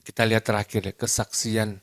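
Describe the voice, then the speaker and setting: A middle-aged evangelist preaching a church sermon. He talks emphatically, swings from loud declarations to quiet confiding asides, and jokes with the congregation. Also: fairly low pitch, completely flat delivery, brisk. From Indonesia. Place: church hall during a service.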